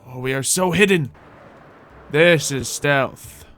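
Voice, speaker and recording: This man's voice sits a little high and sounds fairly bright, and he takes a slow pace. Music plays behind him as he delivers theatrical, playful in-character commentary on a gaming roleplay, addressing both himself and his audience.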